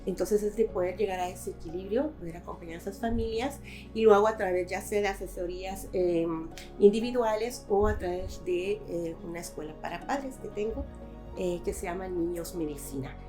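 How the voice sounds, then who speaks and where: A woman's voice: mid-range voice, a little fast, warm tone, faint music behind. A middle-aged woman from Guatemala, a guest in a conversational interview, speaking thoughtfully with frequent hesitations.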